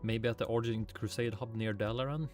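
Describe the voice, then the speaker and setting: This streamer is a man from Sweden with a Swedish accent, chatting casually on a game livestream. His mid-range voice moves fairly quickly with fairly even intonation as he mutters to himself, lightly swears, and answers chat, with faint music and keyboard typing in the background.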